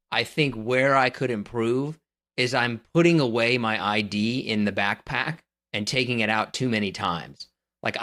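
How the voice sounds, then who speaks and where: This fairly low, slightly bright male voice belongs to a podcast co-host. He keeps the chat casual while teasing his partner, sizing him up and awarding ratings.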